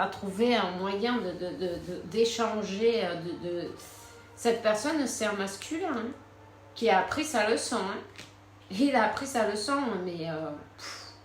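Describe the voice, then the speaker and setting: A woman's voice: medium pitch, reverberant, a little hiss or hum. A woman giving a casual spiritual card reading, chatting freely, laughing often and using many fillers. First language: Spanish. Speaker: tarot card reader.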